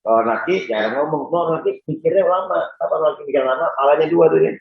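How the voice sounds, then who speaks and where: A man's voice: fairly high pitch, fast talker, creaky, a little hiss or hum. A male preacher giving a humorous sermon in a mosque and often addressing the congregation. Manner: joking, addresses the audience often. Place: mosque hall in Jakarta. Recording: roomy dull mosque hall.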